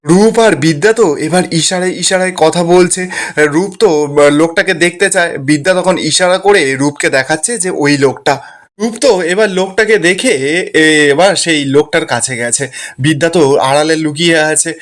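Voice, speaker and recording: উঁচু গলার পুরুষ কথক. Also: male voice, a little high, normal speed, fairly bright tone. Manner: plain storytelling, repeats "he says that". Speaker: serial recap narrator. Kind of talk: retelling a TV serial episode.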